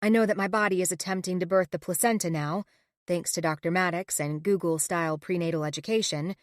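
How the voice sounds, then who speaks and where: A woman's voice: mid-range voice, no room sound, clean studio sound. A woman narrating a romance audiobook in the first person, reading with emotional expression.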